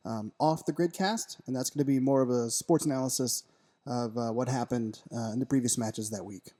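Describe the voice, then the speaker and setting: A man's voice: mid-range voice, a little fast, mellow. A man co-hosting a casual podcast, talking enthusiastically and jokingly with lots of fillers. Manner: enthusiastic, jokey, many fillers. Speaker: podcast co-host.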